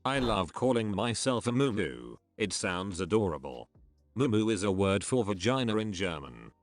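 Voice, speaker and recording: A man's voice: on the low side, sing-song, moderate pace, no echo, faint music behind. A synthetic male text-to-speech voice reading forum posts and comments aloud. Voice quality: synthetic, machine-generated. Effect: text-to-speech robot voice.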